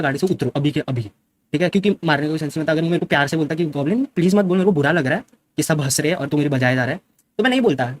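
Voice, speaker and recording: A young male streamer tells his side of a fight at a rapid clip. His voice sits a little high, and he argues defensively, often dropping into English. A faint hum of background noise runs under the recording. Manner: fast, defensive retelling with many English words. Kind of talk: casual storytelling.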